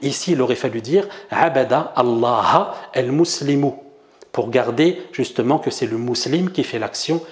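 A man at a mid pitch talks his viewers through a language lesson one step at a time. He writes examples out as he goes and keeps checking that everyone is following. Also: expressive, fairly quick, few pauses, darkish tone. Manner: explains step by step, often asks "d'accord?". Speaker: Arabic teacher. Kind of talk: whiteboard lesson explaining grammar.

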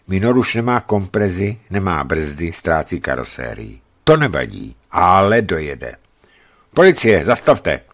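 Male reader with a low voice and a lively, animated read of a memoir, raising his pitch for dialogue. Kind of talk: scripted narration of a travel memoir. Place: studio.

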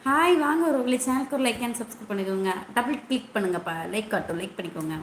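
A woman's voice: a little high, fast talker, echoey room, a little hiss or hum. A woman hosting a casual live stream, greeting viewers by name one after another and asking how they are.

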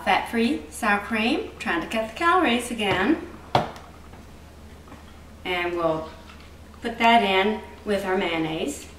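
A woman's voice: medium pitch, a bit bright, slight background noise. Chatty middle-aged woman in a home kitchen. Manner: chatty, homey step-by-step explaining. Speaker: cooking show host. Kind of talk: home cooking demonstration. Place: home kitchen indoors, garden outdoors. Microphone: far camera. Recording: roomy, distant home video.

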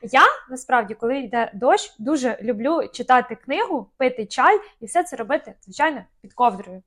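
A woman's voice: a little high, lively intonation, brisk. A young woman co-hosting a casual chat, talking easily with lots of fillers and small hesitations. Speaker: podcast co-host.

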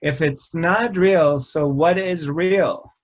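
The recording has a dull, lo-fi quality: a spiritual teacher, a man in his fifties with a somewhat high voice, addresses the camera from a dark indoor space. He speaks slowly and haltingly, often restarting what he's saying.

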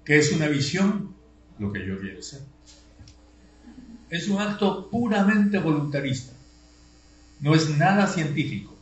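An older man giving a classroom lecture, tired, slow and deliberate, posing rhetorical questions and pressing his points. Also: fairly high pitch, sing-song. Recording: roomy, dull sound with faint hum.

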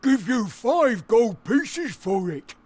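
Husky, slow, simple ogre. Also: male voice, very high voice, sing-song, a little mellow, full character voice. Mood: stubborn, anxious. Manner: slow, childlike broken speech. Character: simple-minded, timid, stubborn male ogre. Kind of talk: video game character acting.

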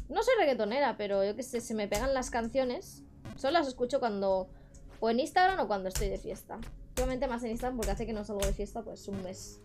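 A woman's voice: on the high side, darkish tone. A young woman with a Spain Spanish accent, chatting on a live gaming stream, frustrated and swearing at the game.

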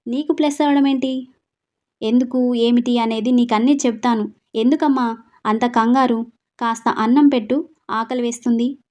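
A woman's voice: fairly high pitch, fairly even intonation, moderate pace, pauses often, darkish tone, close to an everyday voice. A woman voicing a scheming young woman who talks smugly and casually, reading a storybook drama aloud. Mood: offhand. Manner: casual, smug.

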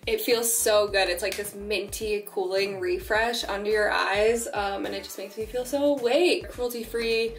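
A young woman in her twenties with a slightly raspy voice, chatting casually to camera in her apartment kitchen, full of "like" and "um". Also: mid-range voice, normal speed, hardly any pauses, soft background music, rough recording. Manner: chatty, relaxed, lots of "like" and "um". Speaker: vlogger. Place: small apartment kitchen, indoors.

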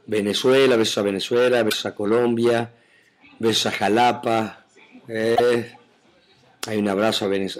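This is an actor hosting a live webcam chat from his house, his mid-range voice marked by a blend of Argentine and Mexican Spanish accents. He wanders loosely through viewers' comments, filling gaps with verbal fillers and gentle laughs, and the recording quality is rough.

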